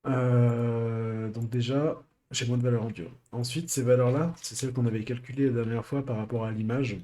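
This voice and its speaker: A man streaming a live coding session, thinking aloud with many pauses and fillers. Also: medium pitch, steady tone, mellow.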